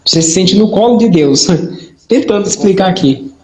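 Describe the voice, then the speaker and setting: A man interviewing a guest, gentle and reflective, affirming what he hears. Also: high-pitched, animated, normal speed. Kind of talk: conversational interview. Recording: roomy echoey sound.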